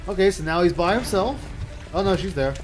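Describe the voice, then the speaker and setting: Female reaction commentator, casual and sarcastic, very animated intonation, faint music bed. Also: fairly low pitch, brisk. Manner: dry, sarcastic. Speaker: commentator reacting to another streamer's gameplay.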